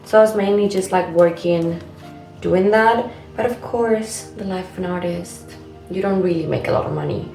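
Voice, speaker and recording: A Buenos Aires woman in her twenties talks casually in her personal vlog, using her native Spanish with an Argentine accent. Her voice is lowish and dark in tone, delivered at a moderate pace over soft background music.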